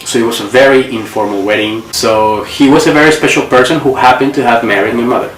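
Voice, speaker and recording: A man in his forties from Colombia, speaking English, who tells his life story reflectively and pauses to recall details. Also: mid-range voice, fairly bright tone, a little hiss or hum. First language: Spanish. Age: 40s. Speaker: interviewee. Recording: roomy echo, distant mic, faint ambience.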